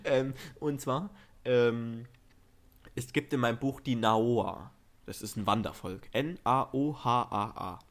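A man's voice: mid-range voice, measured pace. Playful young man rambling on a podcast. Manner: playful, rambling, jokey asides. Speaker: podcast co-host. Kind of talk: casual chat.

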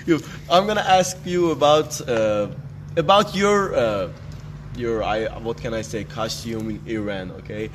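A young man of middle pitch hosts a casual interview and stops often for filler sounds and restarts. His speech sounds hesitant and unpolished. Faint noise sits under the voice. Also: measured pace. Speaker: podcast host interviewing teens.

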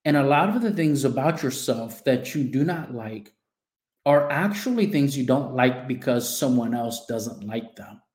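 A man's voice: mid-range voice, animated, a little slow, a little mellow, roomy sound. A man speaking as a coach, giving an earnest motivational self-help talk and asking the listener direct questions.

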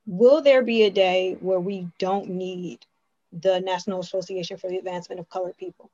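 A woman's voice: lowish voice, steady tone, normal speed, warm tone, no echo, muffled recording. A young adult woman hosting an interview, chatting with enthusiasm and lots of "you know" fillers. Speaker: interview host. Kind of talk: casual interview conversation.

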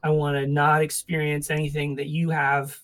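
A woman's voice: sits low, little pitch movement, moderate pace. A woman co-hosting a streamed podcast, chatting casually and playfully, with swearing rants. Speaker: podcast co-host. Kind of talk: casual chat.

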